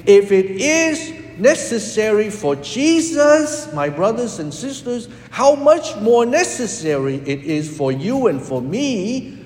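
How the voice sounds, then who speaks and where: A man preaching a sermon as a priest, with a slow, emphatic delivery that rises and drops dramatically. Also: sits high, very animated, darkish tone. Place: church. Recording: echoey hall with long reverb.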